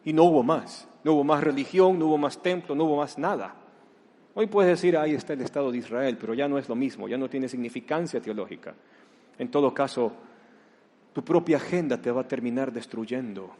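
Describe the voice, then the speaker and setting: A man preaching a sermon as pastor, dropping to a hush and then rising to loud outbursts. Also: medium pitch, fairly quick. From Ecuador. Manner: dramatic, swings from hushed to loud. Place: church hall. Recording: long hall reverb.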